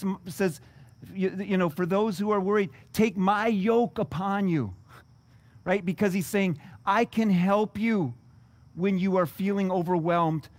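Earnest high-voiced male pastor preaching. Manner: earnest preaching with frequent restarts and stumbles; reads scripture then explains it emphatically. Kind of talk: sermon.

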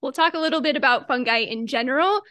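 A fast-talking woman whose pushed, bright voice sits high co-hosts a podcast on a dry recording. Chatty and quick to laugh, she leads the topic throughout the casual conversation.

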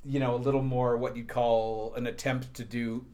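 A man's voice: mid-range voice, flat delivery, normal speed, darkish tone. A man co-hosting a casual chat, telling rambling anecdotes with dry asides. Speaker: co-host. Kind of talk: casual chat about whiskey.

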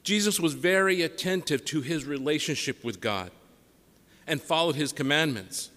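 Priest preaching in cathedral-like echo. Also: male voice, a little high, expressive, fairly bright tone. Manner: measured, solemn, deliberate public delivery. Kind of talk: gospel reading and homily. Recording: echoing church, long reverb.

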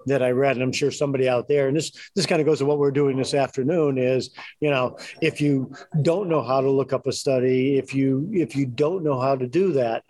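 A man's voice: mid-range voice, steady tone, a little fast, hardly any pauses, a little mellow, dry recording, low-quality recording. A man speaking in a casual panel discussion, thinking aloud with lots of "you know" and "I mean". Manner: thoughtful, many fillers like "you know".

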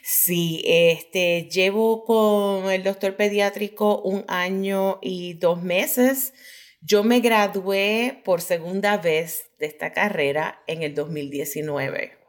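Here a pediatric dental hygienist from Puerto Rico, a middle-aged woman, chats through her story on an interview. Her mid-range voice goes slowly, her accent is Puerto Rican, and English phrases keep surfacing in her Spanish.

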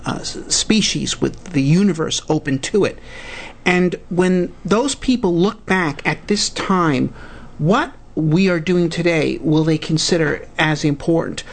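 A man with a Brooklyn New York accent, speaking as an expert guest in a radio interview, halting but earnest. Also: a little high. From United States. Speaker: guest expert, society president.

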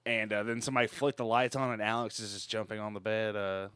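A man co-hosting a casual movie watch-along, telling stories in a halting, crude, filler-heavy way. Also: lowish voice, level tone, fairly bright tone, smooth, no echo. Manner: rambling storyteller, halting with many fillers, crude. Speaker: podcast co-host, called [name].

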